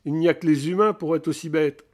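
A man's voice: on the high side, fast, darkish tone, natural voice. Man putting on an eager, chatty pregnant woman. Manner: eager, insistent, gushing. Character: pushy, chatty pregnant woman, old college friend.

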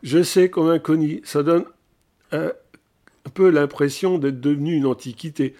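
A man's voice: on the high side, fairly even intonation, a little slow, warm tone, close to an everyday voice. A man reading aloud, voicing a pushy, chatty pregnant woman who is the heroine's old college friend, talking eagerly and insistently.

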